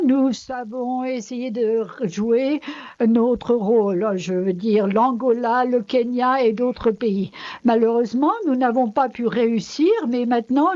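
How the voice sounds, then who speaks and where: A woman interpreting speeches live, hesitant and pausing often on fillers. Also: a little high, a little mellow. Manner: hesitant, frequent filler pauses. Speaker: simultaneous interpreter. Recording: dull lo-fi broadcast audio.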